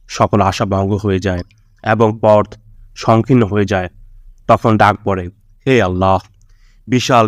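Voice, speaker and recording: Solemn low-voiced male audiobook narrator. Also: dry recording, clean studio sound. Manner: solemn, measured reading with prayerful appeals. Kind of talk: scripted religious audiobook narration.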